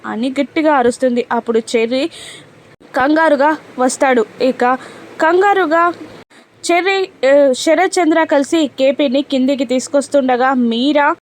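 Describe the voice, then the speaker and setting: A woman with a high, light voice narrates a serial episode at a brisk storytelling clip. She moves straight from scene to scene, reading the characters' lines aloud along the way. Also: a little mellow.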